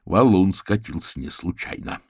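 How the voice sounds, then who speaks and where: A man voicing a gruff bear policeman. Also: low voice, lively intonation, moderate pace, a little mellow, no room sound, studio quality. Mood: stern. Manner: gruff, curt.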